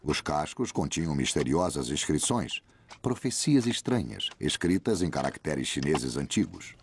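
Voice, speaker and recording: Very deep Brazilian male epic documentary narrator. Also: very animated, a little slow, noisy background. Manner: grave, dramatic epic storytelling. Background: prominent music.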